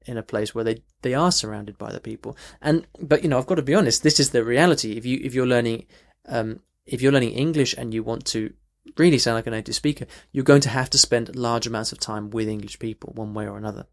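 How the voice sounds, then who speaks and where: A man of medium pitch hosting an audio lesson. He talks off the cuff, backtracking and rephrasing as he goes, and keeps checking in with the listener. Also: quick pace, gravelly, hardly any pauses. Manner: conversational, many restarts and "okay" check-ins. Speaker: language teacher, podcast host. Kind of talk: unscripted podcast lesson. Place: in London.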